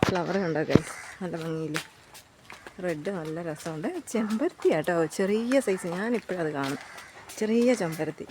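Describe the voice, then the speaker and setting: A woman in her thirties narrates a casual family vlog as she walks outdoors on a rural road. She chats to her viewers and keeps calling out to her young children. Her phone picks up clear background noise from outside. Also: fairly low pitch, normal speed, a little mellow. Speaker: vlogger and mother.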